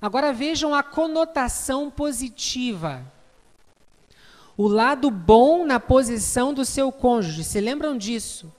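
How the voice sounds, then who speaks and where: A woman's voice: high-pitched, expressive, unhurried, a little mellow, long reverb tail. A woman with a Brazilian Portuguese accent, lecturing a live group, explaining with examples and asking the audience questions. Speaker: instructor.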